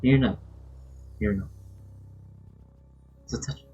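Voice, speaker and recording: A man live-streams a video game, reacting casually with short exclamations in a lowish, slow, mellow and husky voice. The audio is dull and muffled, with game music playing behind him.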